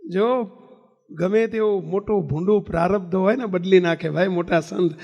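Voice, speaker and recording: A man's voice: sits high, moderate pace, gravelly, in a large hall, highs cut off. A man swami giving a devotional sermon, telling stories animatedly and throwing rhetorical questions to the listeners. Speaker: swami preaching a religious discourse.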